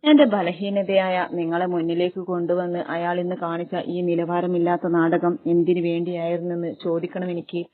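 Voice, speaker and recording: A woman's voice: fairly low pitch, little pitch movement, moderate pace, few pauses, lightly acted. A woman reading a romance story aloud, voicing a young bride who angrily demands answers. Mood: angry, demanding. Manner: forceful, demanding. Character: angry young bride confronting her family. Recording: dry, tinny phone-like sound.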